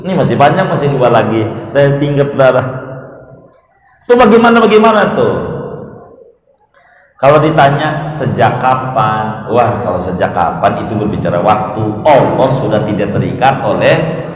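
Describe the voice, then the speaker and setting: A man's voice: mid-range voice, big pitch swings, normal speed. A male preacher giving a playful Islamic study sermon, quizzing the congregation and answering himself. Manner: playful, asks the congregation questions and answers them. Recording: echoey hall with long reverb.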